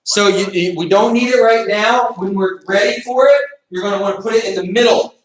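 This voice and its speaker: A man's voice: sits high, a little fast. A man working as a fitness coach, informally explaining drills and encouraging and correcting his class. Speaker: martial arts fitness coach. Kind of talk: casual instruction and encouragement to a class. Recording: echoey room.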